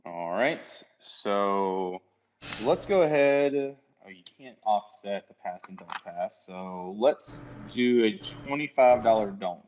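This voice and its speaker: A man chatting casually as he plays a dice game, calling his bets in a halting, think-aloud way. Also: lowish voice, lively intonation, a little mellow. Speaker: craps player calling bets. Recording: noisy room with clicking.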